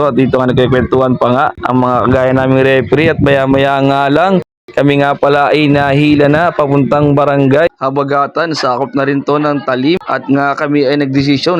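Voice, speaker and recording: Flat-toned man narrating a travel vlog. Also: medium pitch, lo-fi sound. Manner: steady, even storytelling with repeated fillers. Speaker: vlogger and basketball referee.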